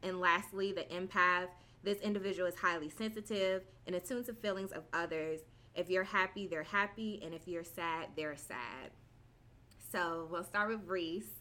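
A woman hosting a casual podcast chat with friends, loose and expressive, laughing often. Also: fairly low pitch, normal speed. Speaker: podcast host.

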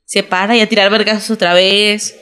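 A young adult woman with a Mexican Spanish accent, recapping a TV drama in casual, slangy, animated chat as a podcast co-host. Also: mid-range voice, moderate pace, clean tone. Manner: slangy, animated storytelling with quoted voices.

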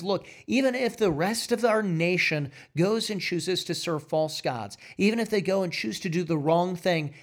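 A man preaching a fiery sermon, exhorting forcefully with repeated phrases and rising emphatic peaks. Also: on the high side.

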